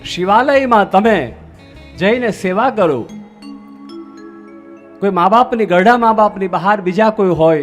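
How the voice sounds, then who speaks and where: A young Gujarati man preaching a sermon from the dais, asking his listeners rhetorical questions and answering them himself. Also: on the high side. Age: young adult.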